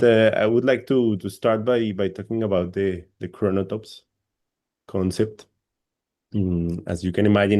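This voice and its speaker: Presenting on an academic panel by video call, a man from Colombia speaks English in a low, warm voice. He comes across as hesitant, repeating words again and again.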